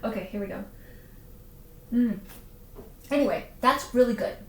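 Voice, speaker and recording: A woman's voice: fairly high pitch, measured pace, slight background noise. A middle-aged woman hosting a casual live-stream wine tasting, chatty and punning, reading viewer comments aloud. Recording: echoey room, faint ambience.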